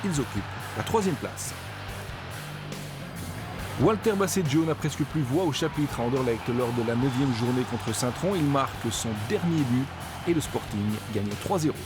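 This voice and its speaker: A man's voice: medium pitch, animated, moderate pace. A man reading scripted narration for a football season review. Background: music.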